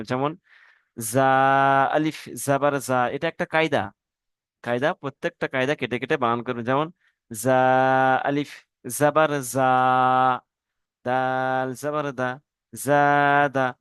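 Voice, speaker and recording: A man teaching Quran reading in an online class, addressing students politely and spelling out letters slowly, syllable by syllable. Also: medium pitch, fairly bright tone, smooth, no room sound.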